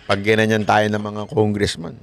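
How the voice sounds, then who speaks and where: A man's voice: on the low side, monotone, normal speed, very noisy. A man doing casual live-stream political commentary, mocking and laughing while asking his viewers rhetorical questions.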